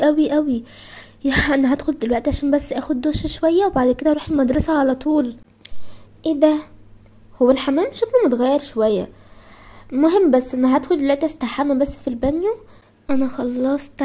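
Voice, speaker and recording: Woman voicing schoolgirl, Egyptian Arabic accent, high voice, rapid breathless exclamations, first-person role-play story. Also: dark tone. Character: young schoolgirl left alone, fearful.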